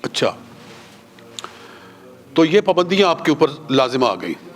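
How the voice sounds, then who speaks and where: A man with a Punjabi-influenced Urdu accent teaching a class on pilgrimage rites. He has his listeners repeat prayers after him, slowly and drawn out. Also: fairly high pitch, big pitch swings, soft background music. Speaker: religious teacher.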